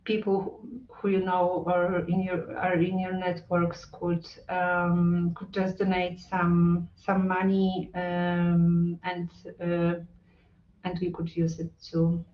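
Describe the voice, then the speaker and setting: A woman on a video call, a hub representative, speaks slowly and haltingly in a lowish, monotone voice with frequent ums and uhs. Her hesitant online talk is full of fillers, and the call audio sounds roomy, distant and muffled, with a little hiss or hum.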